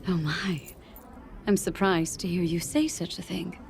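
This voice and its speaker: Queen Sonia, gentle low-voiced game queen. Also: steady tone, unhurried, creaky, heavy background noise. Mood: composed, knowing. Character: gentle, perceptive ancient queen, motherly and playful. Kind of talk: video game cutscene acting. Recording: orchestral game music behind the voice. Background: music.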